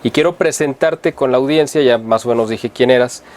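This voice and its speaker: A man's voice: medium pitch, fairly quick, darkish tone, a little hiss or hum. A man hosting an interview, introducing his guest in a friendly, rambling way full of tag questions. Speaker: interviewer host.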